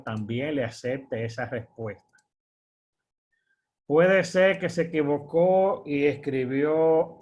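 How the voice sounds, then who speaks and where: In a screen-share tutorial for an online course, a man whose voice is a little high walks through each step. His explanation is full of fillers, and he often asks "verdad?" to check understanding.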